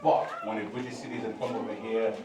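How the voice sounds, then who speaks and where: A man's voice: lowish voice, level tone, quick pace, crowd noise. Joking male tour guide with cave echo. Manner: joking, chatty. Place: inside a limestone cave. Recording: echoey cave, voice from a distance.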